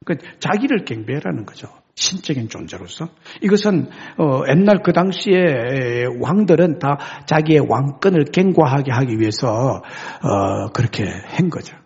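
A male pastor preaching a sermon, retelling a story in an animated, conversational way with a raspy voice. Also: medium pitch, moderate pace, few pauses, dull audio.

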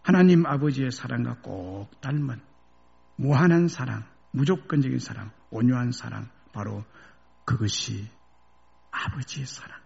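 거친 목소리의 남자 목사, 감정적인 설교, 먹먹한 저음질 녹음. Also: male voice, medium pitch, normal speed, creaky, highs cut off. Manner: emotive, dramatic swings from loud to hushed. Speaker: pastor. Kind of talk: sermon storytelling.

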